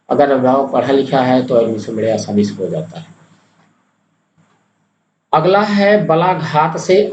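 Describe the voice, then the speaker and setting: A man's voice: medium pitch, warm tone, slight background noise. A young man teaching a lesson on pronunciation, explaining point by point with spoken examples. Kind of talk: Hindi pronunciation lecture. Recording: echoey, dull lo-fi room sound.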